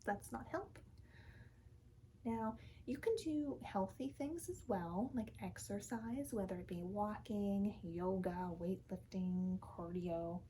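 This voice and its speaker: Woman, calm therapist manner, ASMR role-play, unhurried, soft breathy mellow tone, gently coaching. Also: medium pitch, a little hiss or hum, rough recording. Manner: reassuring, gently coaching with short repeated phrases.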